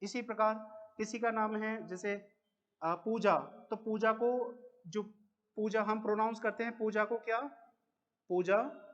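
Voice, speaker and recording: A man's voice: high voice, fairly even intonation, a bit bright, lo-fi sound. A man with an Indian accent teaching an English lesson, asking questions and answering them himself, repeating each word. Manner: explains slowly, repeats words, asks questions then answers them. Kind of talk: classroom lesson.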